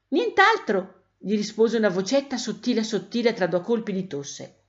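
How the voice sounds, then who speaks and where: A woman narrating a children's story aloud, expressive and animated, in a dull lo-fi recording. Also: mid-range voice.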